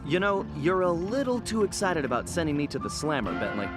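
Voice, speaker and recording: A cool, wisecracking raccoon thief trades wry remarks in a game cutscene. His voice sits a bit high and moves lively. Game music runs underneath. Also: brisk. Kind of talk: video game cutscene acting.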